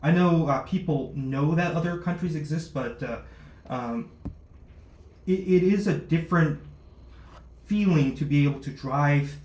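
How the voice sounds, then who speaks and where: A man's voice: a little high, a little mellow. Startup founder, male, hesitant and filler-heavy, recorded in a roomy space. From born in Luxembourg, raised abroad. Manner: halting, many fillers and restarts. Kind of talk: interview answers. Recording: roomy echo, faint noise.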